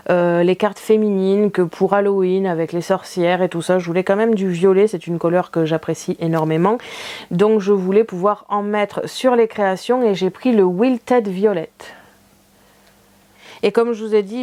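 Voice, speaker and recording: French-sounding craft vlogger lady, chatty, lots of euhs, soft mellow tone. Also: medium pitch. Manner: chatty, many fillers, light laughs. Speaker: craft channel host. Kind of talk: casual haul video.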